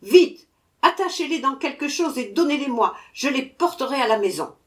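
A woman voicing an irascible tiny bearded male dwarf who shouts his demands in a storybook reading. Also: high-pitched, lively intonation, measured pace, pitched above the performer's own voice. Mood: indignant.

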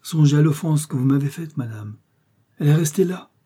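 A man's voice: on the high side, a little fast, warm tone, husky, voice pushed up. A man voicing a vain, boastful musketeer who speaks in a pompous, self-important manner, in a storybook reading.

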